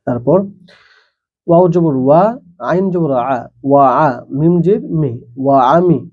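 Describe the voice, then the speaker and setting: A man's voice: on the high side, unhurried, phone-quality sound. A man teaching Quran reading who spells out each letter and vowel mark, then blends the syllables, with plain explanatory asides between the drills.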